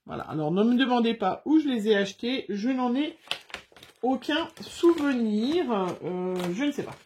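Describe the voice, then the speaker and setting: Female crafting vlogger from France, chatty and informal, a touch higher pitched. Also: animated, normal speed, a little mellow, slight background noise. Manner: chatty, many fillers and restarts. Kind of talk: casual chatty crafting tutorial.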